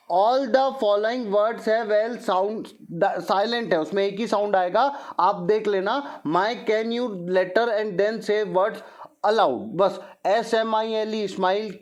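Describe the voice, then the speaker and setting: A man with an Indian English accent explains a children's English textbook lesson. He reads the English lines slowly, then explains them in Hindi, and asks questions that he answers himself. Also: high-pitched. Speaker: teacher.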